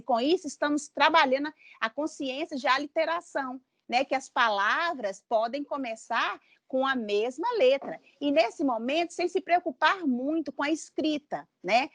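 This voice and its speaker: High-voiced woman explaining patiently. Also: dry recording. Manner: patient, tags sentences with "né?", spells out syllables slowly. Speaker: educator. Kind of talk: explanatory talk for parents.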